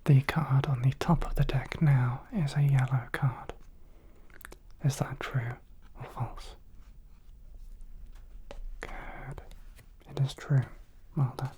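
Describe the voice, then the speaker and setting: A woman doing a soothing whispered role-play as a clinician, guiding the listener softly and close to the microphone. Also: very deep voice, slightly rough. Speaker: ASMR host playing a clinician.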